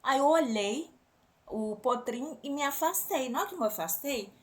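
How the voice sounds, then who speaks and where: A woman's voice: high-pitched, lively intonation, moderate pace. A woman with a Brazilian accent telling a religious testimony to a congregation, often turning to the listeners as brothers and sisters. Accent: Brazilian Portuguese. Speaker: church member giving a testimony.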